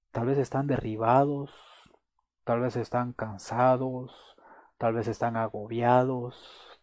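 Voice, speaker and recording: Guy preaching a sermon, slow and repetitive, warm low tone, dry sound. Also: no echo. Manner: slow, emphatic, repeating phrases; prays aloud to close.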